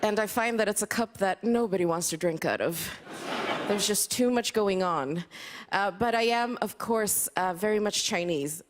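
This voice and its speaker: A woman from Sweden performing a stand-up comedy set on a live stage, with a dry, self-deprecating delivery full of small hesitations. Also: medium pitch. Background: faint audience laughter and applause.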